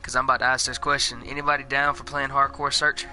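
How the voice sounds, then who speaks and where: A man's voice: medium pitch, flat delivery, fast talker, sharp tone. A young man chatting while gaming, laid-back and teasing his friends. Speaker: gamer. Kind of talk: casual gaming chat. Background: faint game music.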